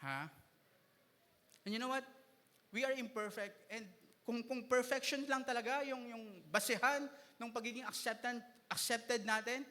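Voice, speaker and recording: A man's voice: extremely high pitch, fairly even intonation, normal speed, pushed and bright. A man preaching a sermon as pastor, switching between Tagalog and English and joking with his congregation. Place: church hall. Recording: reverberant church hall.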